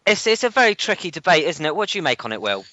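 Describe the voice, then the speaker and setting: A man's voice: on the high side, sing-song, fast, pushed and bright, no echo. A man co-hosting a casual football podcast in a joking, teasing way. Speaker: podcast co-host. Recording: dull lo-fi sound, dry.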